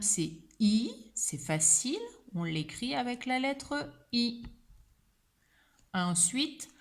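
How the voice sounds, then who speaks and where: Very slow, patient woman teacher. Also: mid-range voice. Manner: slow, patient, spelling out each sound. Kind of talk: slow word dictation for a young child.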